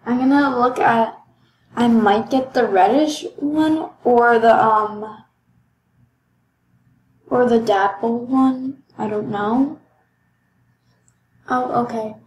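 Slow-talking young woman game vlogger. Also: fairly high pitch, darkish tone, roomy sound, a little hiss or hum, rough recording. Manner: chatty, rambling, self-deprecating. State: voice cracking. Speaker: gaming vlogger. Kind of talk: casual game commentary.

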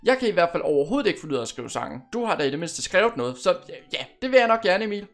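Brief: male gamer, high voice, stammering and easily flustered, faint music behind. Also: sing-song. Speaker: channel host. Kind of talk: Minecraft role-play chat.

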